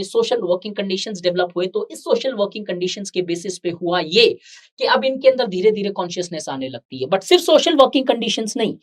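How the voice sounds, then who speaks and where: Woman, exam-prep lecture, teacherly, asks students questions as she explains. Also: medium pitch. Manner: explains in mixed Hindi and English, with rhetorical questions to students.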